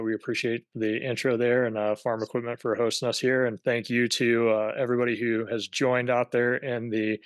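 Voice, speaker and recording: A man presenting on a video-call webinar as a government affairs director, speaking haltingly with many fillers and restarts. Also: medium pitch, smooth, dry recording.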